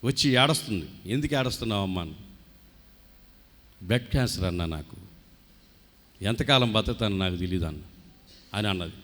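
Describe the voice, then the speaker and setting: A man's voice: on the low side, expressive, brisk, pauses often, fairly bright tone. A male pastor preaching a sermon and telling stories, often acting out the voices of the people in them. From India. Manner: storytelling preacher who acts out quoted voices. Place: church hall. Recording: long hall reverb.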